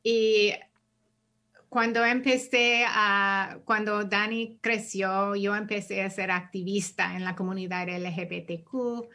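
A woman from the United States, an author and activist, answering interview questions gently and searching for words. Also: mid-range voice. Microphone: video call.

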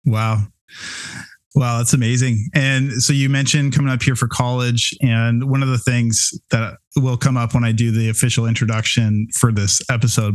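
A man's voice: medium pitch, no echo. Casual male podcast host. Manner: friendly and casual, uses slang like "bro" and "dude".

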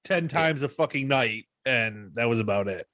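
A man's voice: mid-range voice, expressive, moderate pace, a bit bright, dry recording, studio quality. A man in casual podcast chat, blunt and profane, laughing often.

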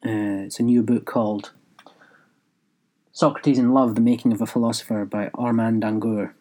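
Guy rambling thru his podcast, husky kinda voice, thinks out loud. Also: mid-range voice, fairly even intonation, moderate pace. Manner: rambling, thinking aloud, with restarts; reads aloud from his own written review. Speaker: podcast host. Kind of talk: solo podcast monologue.

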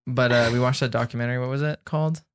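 A man's voice: medium pitch, fairly even intonation, very fast, smooth. A man hosting a podcast, chatting casually and rambling with lots of fillers and jokes. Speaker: podcast host. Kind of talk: casual chat.

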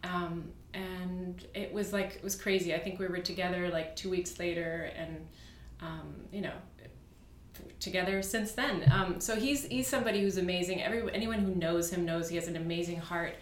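A woman from Virginia, USA, with a lowish voice talks at normal speed as a podcast guest and beauty brand co-founder. She chats casually and easily in an interview, with lots of fillers and restarts. The studio recording is reverberant, with slight background noise.

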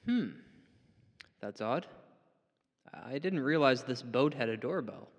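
A man with a deadpan, rambling manner doing scripted comic narration. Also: mid-range voice, takes it slowly, vocal fry, long reverb tail. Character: oblivious shady man narrating his own story.

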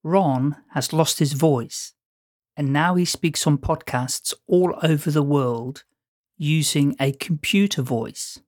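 Dry, deliberate male podcast host. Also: a little high, a little mellow, dry recording. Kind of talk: scripted introduction.

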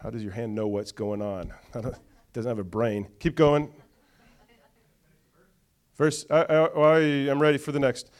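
Smooth-voiced man preaching. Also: mid-range voice, level tone, unhurried, pauses often, darkish tone. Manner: call-and-response preaching, conversational asides. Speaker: pastor. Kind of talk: sermon.

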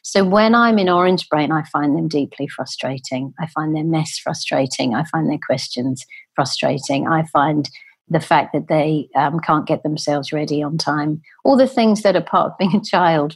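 A woman with a low, husky voice talks through her parenting ideas in a calm, reflective way. The sound is dry and close. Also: no echo. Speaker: parenting guest. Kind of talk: conversational explaining.

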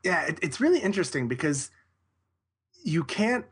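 A man's voice: a little high, big pitch swings, normal speed, fairly bright tone, slightly rough. A man talking casually as an interview guest, rambling and correcting himself as he goes. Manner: rambling, self-correcting, with frequent restarts.

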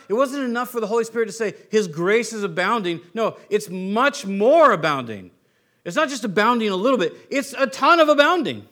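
A man preaching a sermon in an animated, emphatic way, often repeating and restarting words. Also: on the high side. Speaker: pastor.

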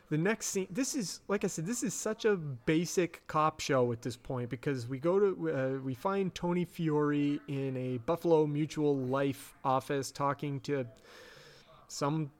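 Male podcast co-host, slightly higher voice, animated recap delivery. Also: a little slow. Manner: animated retelling, acting out quotes. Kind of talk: casual recap chat.

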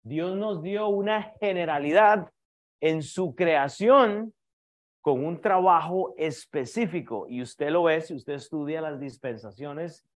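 A male pastor delivers an emphatic sermon with a high voice, calling out to his congregation again and again. He often stumbles and restarts his phrases as he presses his point. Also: slow pace. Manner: emphatic preaching, repeatedly addresses the congregation as brothers.

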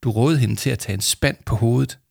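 A man's voice: mid-range voice, creaky, darkish tone, dry recording, clean studio sound. A man reading a storybook and voicing a shy teenage boy who mumbles hesitantly.

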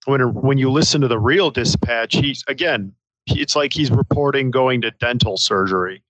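A man co-hosting a casual film discussion, talking in a measured, explanatory way. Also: medium pitch, a bit bright, no echo, low-quality recording.

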